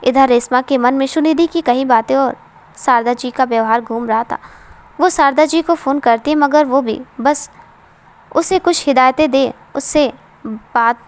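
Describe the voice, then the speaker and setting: A woman narrating an emotional story aloud in a steady, earnest way. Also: sits high, measured pace, long pauses.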